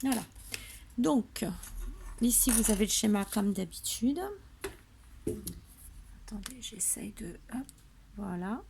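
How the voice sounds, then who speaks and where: A woman's voice: medium pitch, slow pace, gravelly, long pauses, dark tone, slight background noise. A woman hosting a home papercraft tutorial, drowsy and tired, chatting in a rambling way with lots of fillers. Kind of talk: casual tutorial chat. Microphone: camera on a tripod.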